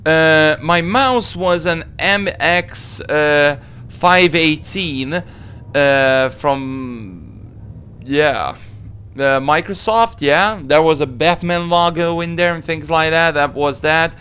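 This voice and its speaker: A young man from Hungary with a Hungarian accent, answering viewer questions in a casual gaming Q&A, halting through his English with many fillers. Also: a little high, bright, forceful tone, clean tone. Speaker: gaming video creator. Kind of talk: casual Q&A monologue.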